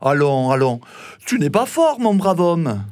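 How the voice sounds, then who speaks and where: Man voicing a sly little tailor, boastful, teasing, high pitched, lively swoops, storybook. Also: measured pace. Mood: mocking. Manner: cocky, teasing. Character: small boastful cunning tailor, adult man. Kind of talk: storybook reading.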